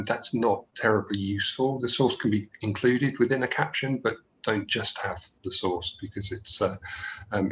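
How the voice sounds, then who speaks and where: South London man with low voice. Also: fairly bright tone, slight background noise, low-quality recording. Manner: halting, repeats words. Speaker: presenter. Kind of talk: informal webinar presentation.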